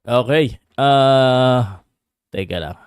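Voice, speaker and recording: Smooth-voiced Filipino man hosting a casual livestream. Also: mid-range voice, drawn-out words, no echo, studio quality. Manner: switches between English and Tagalog. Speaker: livestream host and boxing commentator. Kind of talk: casual livestream chat with viewers.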